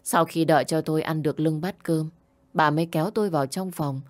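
Low-voiced woman narrating a story. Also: a little fast. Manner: low, steady narration, voicing the grandmother and herself in emotional dialogue. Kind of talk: first-person storytelling.

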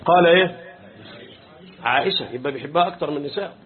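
A man with an Egyptian accent giving a Quran commentary lesson, often clearing his throat and quizzing his listeners with questions. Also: fairly high pitch, racing. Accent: Egyptian Arabic. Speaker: Islamic teacher. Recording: tinny phone-like recording.

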